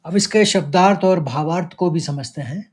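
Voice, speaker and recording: A man teaching the pronunciation of a Sanskrit verse in a devotional lesson, from India, chanting the lines slowly and drawn out between his explanations. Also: on the high side. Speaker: Gita recitation teacher.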